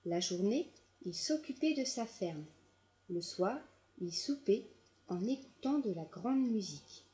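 Give me a woman narrating a children's storybook, slow and gentle. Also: mid-range voice, animated. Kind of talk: children's audiobook reading.

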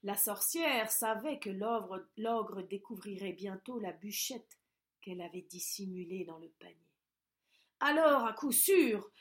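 A woman reading a children's story aloud in a gentle voice, often dropping to a soft hush. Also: medium pitch.

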